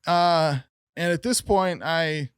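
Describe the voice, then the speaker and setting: A man's voice: fairly high pitch, slow pace, clean tone, dry recording, clean studio sound. A young man co-hosting a casual album review podcast, rambling with lots of "um" and "like" fillers. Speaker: podcast co-host.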